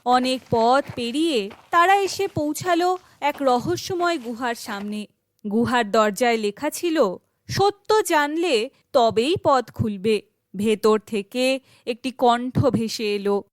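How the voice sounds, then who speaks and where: A woman with a high voice slowly reads a children's fairy tale from a script. The recording is dry, with no room sound.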